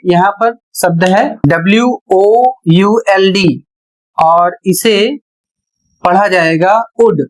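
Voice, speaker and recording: A male teacher walks through an English pronunciation lesson at a very unhurried pace. He spells each word out letter by letter before saying it, then explains the rule patiently. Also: high voice.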